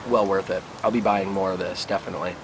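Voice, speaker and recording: A man giving a casual, unhurried review to camera outdoors, musing and trailing off as he puffs on a pipe. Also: low voice, flat delivery. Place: outdoors in the wind. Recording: noisy outdoor recording with wind and traffic.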